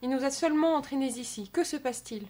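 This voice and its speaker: A fussing, anxious grandmother, as a woman plays her. Her voice is pitched high and keeps asking what is wrong. She sounds like a kindly older woman in a read-aloud storybook. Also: fast talker, dark tone, close to an everyday voice. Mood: alarmed.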